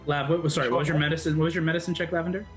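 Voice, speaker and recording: A man narrating a tabletop role-playing game as game master, in halting, dramatic phrases with pauses. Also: fairly high pitch, steady tone, faint music behind.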